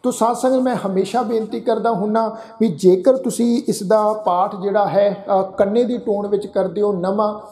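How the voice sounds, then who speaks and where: Male recitation teacher, warm and mellow tone, patient letter-by-letter explanations, slow chanted verse readings. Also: high-pitched, steady tone. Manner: patient, spells out each letter and vowel sign; recites verse lines slowly and drawn out.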